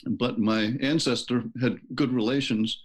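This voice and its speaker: A middle-aged man from Maine talks as an author guest in a relaxed interview. He rambles through long stories and stops often for fillers and restarts. His voice sits at an ordinary middle pitch. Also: a little slow, slightly rough. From Maine, USA. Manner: rambling, hesitant with many fillers. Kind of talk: casual interview.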